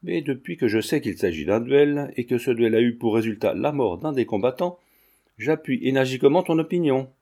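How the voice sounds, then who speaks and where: A man's voice: mid-range voice, expressive, normal speed, warm tone. A man reading as a blunt old lawyer. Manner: blunt, exclaiming. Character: shrewd, forthright elderly male lawyer.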